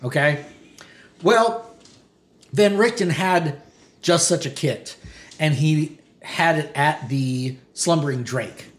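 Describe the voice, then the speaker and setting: A man's voice: a little high, slow pace, long pauses. A man running a tabletop game as game master, narrating scenes and voicing guards as he goes. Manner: animated, voices guards mid-narration. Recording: roomy echo.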